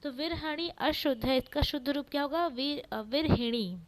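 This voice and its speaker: Female tutor, high pitch, drilling style, repeats answers slowly for exam prep. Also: low-quality recording. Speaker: teacher. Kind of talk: exam-prep spelling lesson.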